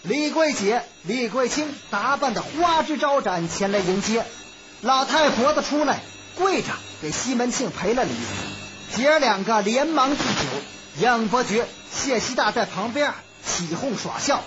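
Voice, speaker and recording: Woman telling an old story, fairly high voice, muffled with music. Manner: brisk, animated narration. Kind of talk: traditional oral storytelling. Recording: dull lo-fi recording with music.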